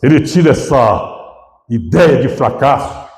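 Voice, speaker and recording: A man's voice: medium pitch, animated, slow, darkish tone. A male pastor with a Brazilian Portuguese accent, preaching a sermon in a church with fervor that rises and falls. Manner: preaching with rising and falling fervor. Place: church sanctuary. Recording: echoey church hall with long reverb.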